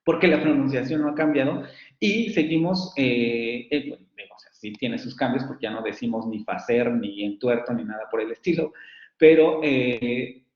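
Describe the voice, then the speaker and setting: A man lectures on phonetics, pausing with filler sounds and repeating sample words to demonstrate them. His mid-range voice comes through a roomy space. The recording is muffled and lo-fi. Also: medium pitch. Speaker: university phonetics professor.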